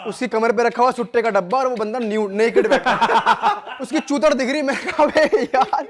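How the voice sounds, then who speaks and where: A man in a casual podcast chat, reacting in an excited, exclaiming way. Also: extremely high pitch, moderate pace, crowd noise.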